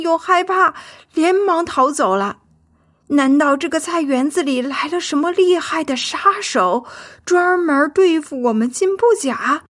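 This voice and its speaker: High-voiced woman telling a kids' story. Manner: lively, expressive. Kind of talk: children's story narration.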